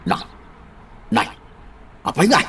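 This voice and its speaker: A man's voice: slow pace, fairly bright tone. A man voicing a worried uncle who keeps exclaiming fretfully, in a radio drama.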